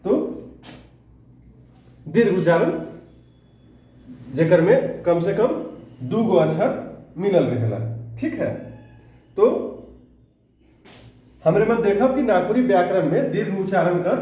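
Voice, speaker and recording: A man teaches a grammar lesson, his high, mellow voice rising and falling widely. He speaks unhurriedly, repeating terms and checking in with the class. He sounds distant, recorded in a very echoey room. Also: very animated. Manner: slow and repetitive, often checking in with the class. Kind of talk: exam-prep grammar lesson. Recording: very echoey room, mic far away.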